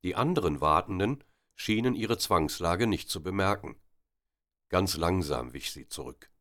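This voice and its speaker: A man reading a story aloud with expressive, dramatic narration. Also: low voice, measured pace.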